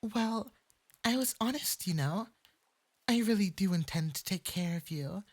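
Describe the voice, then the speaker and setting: With a light, breathy, mid-range voice, a performer plays a clingy, lovestruck fox-spirit femboy mage in an intimate ASMR roleplay. The delivery is measured, calm, and possessive, sweetly coaxing before swinging into eager excitement.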